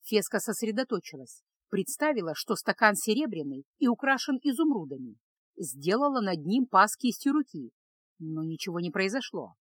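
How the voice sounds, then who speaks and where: A woman reading a fantasy story aloud as narrator in an even storytelling manner. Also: medium pitch, normal speed, breathy edge, no room sound. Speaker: audiobook narrator. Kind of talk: scripted narration.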